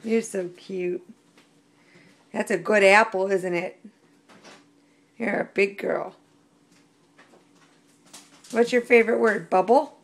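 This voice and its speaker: A woman's voice: mid-range voice, fairly even intonation, slow pace, creaky, pauses often. A woman at home using sing-song baby talk, coaxing a toddler to say words for the camera. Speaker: parent filming a toddler.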